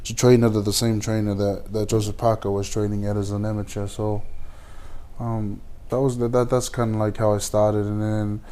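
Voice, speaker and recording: A man in his twenties from Samoa, a guest pro boxer, talking in a halting way with many fillers and restarts. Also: lowish voice, level tone, dark tone. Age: 20s. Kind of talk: casual interview.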